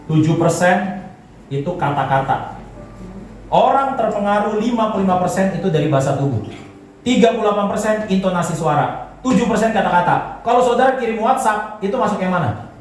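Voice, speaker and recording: A man's voice: high voice, a little fast. Man preaching in an echoey church hall. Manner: joking, conversational preaching that leads the congregation in gestures. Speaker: pastor. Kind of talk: sermon. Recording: echoey hall, voice from far off, faint music.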